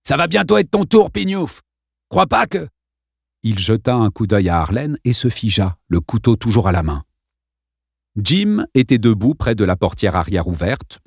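A man reads a novel aloud with lively, shifting intonation. His voice is at a middle pitch for a man. The recording is dry and close, as in a studio booth. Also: no room sound. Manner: lively, expressive reading. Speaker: audiobook narrator. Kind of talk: scripted narration.

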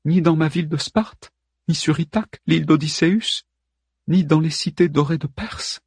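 A man voicing a cold, scheming woman who speaks softly and sweetly with quiet menace, read aloud in an audiobook. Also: fairly high pitch, moderate pace, husky, no echo, clean studio sound, voice pushed up. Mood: wistful. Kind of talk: audiobook character reading.

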